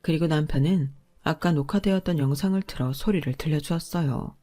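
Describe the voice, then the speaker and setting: A woman reading a first-person story as narrator in a calm, even way. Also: deep voice, brisk.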